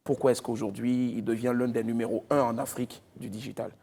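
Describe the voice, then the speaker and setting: A man hosting a TV talk show, introducing and interviewing a guest with lively, emphatic delivery and bursts of cheering. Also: mid-range voice, brisk, husky. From West Africa.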